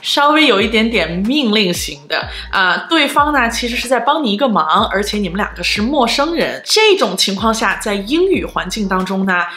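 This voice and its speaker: A woman's voice: medium pitch, sing-song, moderate pace, few pauses, a bit bright, echoey room, soft background music. A woman teaching English pronunciation in an online lesson, repeating example phrases as she explains.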